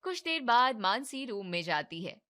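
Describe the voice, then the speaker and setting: A woman's voice: a little high, very animated, normal speed, pushed and bright, clean tone. A woman giving brief, matter-of-fact narration in a cartoon family drama.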